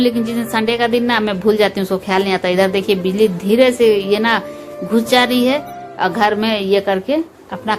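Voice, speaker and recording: Chatty home vlogger woman over music. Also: mid-range voice. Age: adult, mother of school-age children. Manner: chatty and homely, talks directly to viewers. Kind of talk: casual chat narrating a cooking routine. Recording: voice under loud background music.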